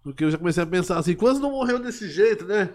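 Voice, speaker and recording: A man's voice: sits high, lively intonation, very fast. A man telling a heartfelt story in casual chat, slangy and rambling. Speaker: podcast guest.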